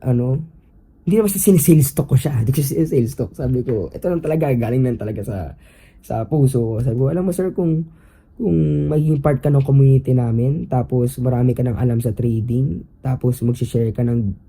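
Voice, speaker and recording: A man's voice: mid-range voice, fairly quick, slightly rough, low-quality recording. A young Filipino man hosting a podcast, telling a story casually in mixed Tagalog and English with lots of fillers. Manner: animated, Taglish chatter with many fillers. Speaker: podcast host.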